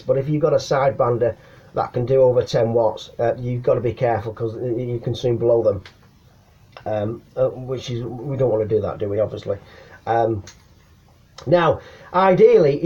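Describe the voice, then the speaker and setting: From a small attic room at home, a middle-aged English-accented man who's into CB radio gives casual, slangy advice to camera, hesitating and repeating words. His medium-pitched voice is mellow, and the sound is lo-fi.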